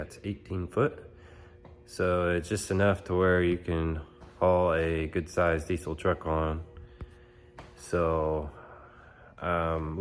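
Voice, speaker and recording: The low-pitched, clean voice comes from a young man with a head cold hosting his channel's phone-filmed how-to vlog. He rambles in a relaxed way, full of fillers, first in a pole barn holding the phone at arm's length and later out on a lawn, with the phone camera behind him.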